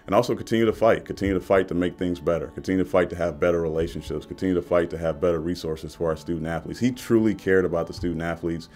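A man's voice: sits low, a little mellow. A man giving an earnest interview testimony, insistent and repeating his phrases. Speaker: athletics department colleague.

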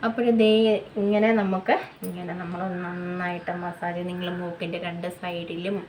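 A woman's voice: lowish voice, level tone, normal speed, a little mellow, a little hiss or hum, poor audio. A woman beauty vlogger chatting casually at home through a skincare tutorial, repeating herself and constantly checking in with viewers. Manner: chatty, repetitive, often adds tag questions to viewers.

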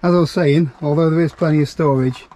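A man's voice: fairly high pitch, steady tone, fast talker, warm tone. Dry-humoured man vlogging from a camper van. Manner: dry, joking, self-mocking asides. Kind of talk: casual vlog chat. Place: camper van and outdoors on a camping trip.

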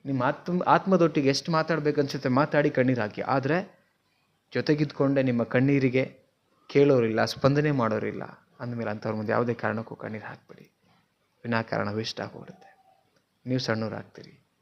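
A man's voice: mid-range voice, steady tone, brisk, vocal fry, pauses often, lo-fi sound. A man with a Kannada accent giving an earnest motivational talk to camera, asking the viewer questions on a simple mic. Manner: earnest, questions the viewer, mixes in English words. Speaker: motivational speaker. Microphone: simple mic, not professional.

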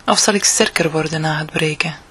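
A woman reading the lines of a teasing adult woman lover in a soft, half-whispered voice. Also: low-pitched, fairly quick, breathy edge.

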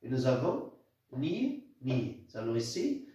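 A man teaching a literature lesson, halting and repeating words, counting syllables aloud. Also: mid-range voice, wildly swooping pitch, warm tone. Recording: very echoey room.

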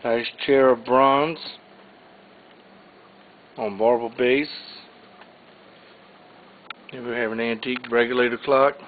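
Speaking in a mid-range voice with fairly even intonation, a man calmly lists auction items one after another as informal narration. The recording sounds tinny, like a phone, and carries a faint hiss.

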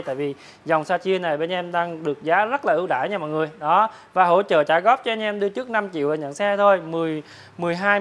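Fast-talking, higher-voiced man doing a hard-sell pitch. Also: fairly bright tone, a little hiss or hum. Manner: hard-sell, repetitive price listing addressed to viewers. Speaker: motorbike dealer presenting his stock. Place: large open-sided metal-roofed motorbike warehouse.

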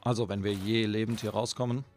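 A man giving casual gameplay commentary as a let's play host, talking excitedly to the enemies on screen. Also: on the low side, quick pace, soft background music.

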